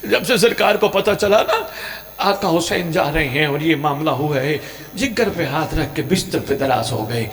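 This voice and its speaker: Impassioned preacher, raised pitch. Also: male voice, lively intonation, a bit bright. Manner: impassioned, sing-song chanting with sudden swells. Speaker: Shia religious preacher. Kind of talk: emotional mourning sermon. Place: religious gathering in Punjab.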